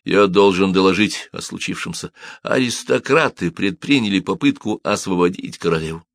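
A man's voice: low-pitched, moderate pace, no room sound, clean studio sound. A man reading the part of a stern male officer barking short commands. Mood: commanding. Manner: curt, giving orders.

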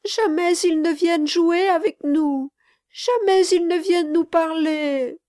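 A woman voicing a small tearful boy who begs a girl not to leave, in a high, crying voice. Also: slow pace, darkish tone, no room sound, clean studio sound. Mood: pleading, tearful.

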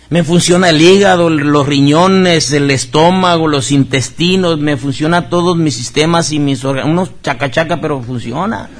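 A man with a Mexican accent preaching a sermon, swinging from loud, high outbursts to soft, low passages. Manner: preaching with sudden loud rises and soft drops. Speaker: pastor.

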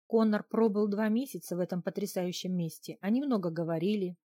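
A woman reading a husband's lines in an audiobook, relating his family's history in a measured way. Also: mid-range voice, dark tone, dry recording, clean studio sound, natural voice. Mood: storytelling. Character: courteous Irish husband, storytelling man.

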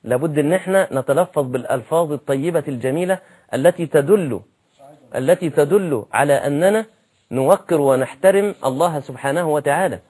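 A man with an Egyptian accent gives a religious lesson, his voice husky and set a little high for a man. He talks earnestly and says his main points twice over to drive them home. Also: brisk, darkish tone. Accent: Egyptian Arabic. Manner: earnest, repeats key phrases for emphasis. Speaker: preacher.

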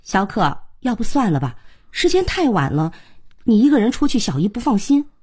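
A woman voicing a worried young relative who gently coaxes, lifting her voice higher than her own. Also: very animated, normal speed, husky. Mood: coaxing. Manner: coaxing, soft pleading.

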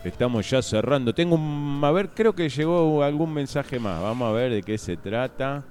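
A man's voice: mid-range voice, expressive, normal speed, darkish tone, faint music behind. Chatty Argentine man hosting radio. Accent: Argentine Spanish. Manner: chatty, reads out listener messages. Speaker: school radio co-host.

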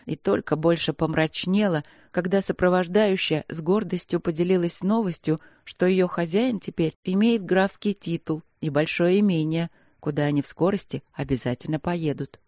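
An audiobook narrator reading a novel in an even, measured way. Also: mid-range voice, dry recording, clean studio sound. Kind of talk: scripted narration.

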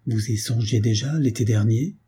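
A man reading an audiobook, voicing a brooding young man who pleads in a low, desperate voice. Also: normal speed, warm tone, breathy edge. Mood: pleading. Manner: low, pleading, then angry.

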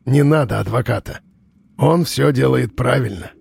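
A man reading an audiobook, voicing a gentle, resigned older uncle who speaks softly and low. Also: normal speed, gravelly, breathy edge, heavily acted. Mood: tender, resigned. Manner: soft, low and tender.

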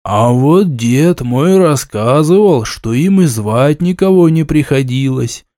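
A man reading an audiobook voices a drunk, sleepy old village elder who mutters into his mug, slow and low. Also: animated, warm tone. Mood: sleepy mumble. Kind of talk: audiobook narration.

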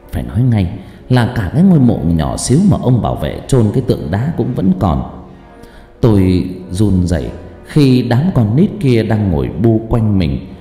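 A man narrates a horror story in a tense, dramatic manner. His voice is very dark and mellow, with lively swings in pitch. It rings in an echoey hall with long reverb and faint music behind it.

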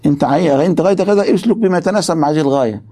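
Rapid-fire male lecturer. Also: a little high, dark tone. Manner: emphatic, asks students rhetorical questions. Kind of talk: religious philosophy lecture.

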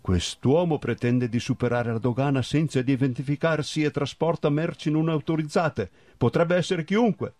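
A man reading aloud and voicing a young, overzealous customs officer who speaks in a curt, officious way, in a husky voice. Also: medium pitch, lively intonation, normal speed, darkish tone, no room sound, lightly acted.

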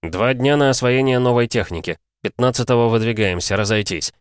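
A man voicing a brisk, clipped male tank company commander in an audiobook. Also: medium pitch, clean tone, no echo, clean studio sound, pitched above the performer's own voice, natural voice. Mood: commanding.

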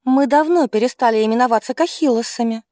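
A man's voice: very high voice, quick pace, darkish tone, no echo, studio quality, voice pushed up. A man voicing a grieving, proud middle-aged mother who speaks bitterly and pleads.

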